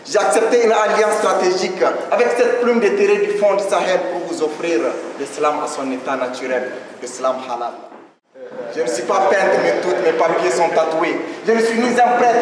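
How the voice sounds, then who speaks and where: A young man from Niger with a Nigerien French accent, performing slam poetry in a rhythmic, declamatory cadence on stage. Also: on the high side. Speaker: slam poet. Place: stage at an evening show. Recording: echoey hall from far off.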